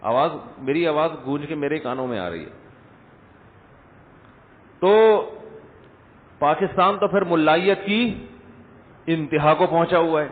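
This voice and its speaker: A male religious scholar with a slightly high voice gives a Friday lecture in a large echoing hall. His delivery is chatty and conversational, full of rhetorical questions and jokes with the audience. He is picked up by the speaker-system mic, so the long hall reverb comes through a tinny lo-fi line.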